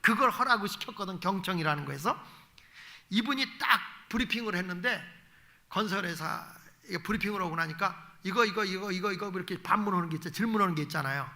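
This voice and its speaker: A man's voice: high voice, fast talker, sharp tone. A middle-aged male pastor giving an evening sermon in a folksy way, acting out little dialogues as he preaches.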